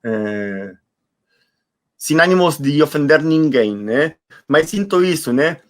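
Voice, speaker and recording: He takes his time in a slightly high, animated voice, appearing as an interview guest in an online conversation over a video call. His first language is Spanish, and he reflects aloud, searching for words and repeating them for emphasis.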